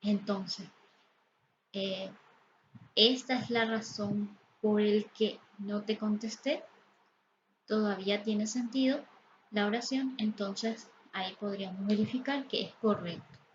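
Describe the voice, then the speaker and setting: A woman teaching a Spanish grammar lesson, explaining step by step and reading example sentences slowly and carefully. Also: medium pitch, steady tone. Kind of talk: slow, deliberate lesson explanation. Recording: slightly dull, lo-fi sound with faint background noise.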